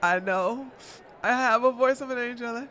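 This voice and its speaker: There's a little hiss or hum as a woman hosts a laid-back livestream at a moderate pace. She reads viewers' messages, shouts high, loud greetings, and laughs often while teasing her chat.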